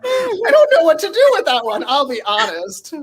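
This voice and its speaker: A woman hosting a live comedy game show, bubbly and animated, laughing often. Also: sits high, normal speed, soft background music, low-quality recording.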